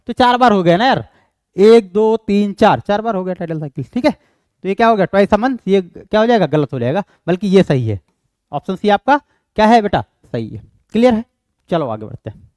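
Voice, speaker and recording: A man's voice: high voice, lively intonation, a little mellow, dry recording, clean studio sound. A man with an Indian accent giving an exam-prep lecture, explaining step by step and answering his own questions. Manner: reads English question text slowly. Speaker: teacher.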